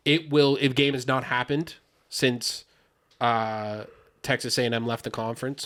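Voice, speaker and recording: A man in the middle of a loose sports podcast chat. His pitch sits in a middle range, and he talks in an animated, rambling way full of asides and profanity. He keeps riffing and joking with a co-host.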